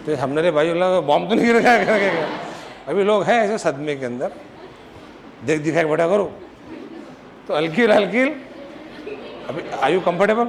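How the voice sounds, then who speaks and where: High-voiced teacher drilling a class. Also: male voice, gravelly, slight background noise. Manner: drills students, chants formulas, teasing scolds. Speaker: chemistry coaching teacher. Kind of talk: classroom lecture.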